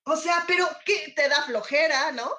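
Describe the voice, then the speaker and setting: A middle-aged woman teacher talking casually on a video call, with a loud, emphatic voice and lots of teacherly tag questions. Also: high-pitched, normal speed, a crowd in the background. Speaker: podcast guest. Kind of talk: casual conversation.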